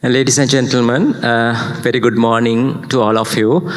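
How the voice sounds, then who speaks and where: A man introducing a keynote speaker at a conference, formal and halting, with many uh fillers. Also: mid-range voice, little pitch movement. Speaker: session chair introducing the speaker. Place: large lecture hall. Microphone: podium microphone. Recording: long reverb of a conference hall.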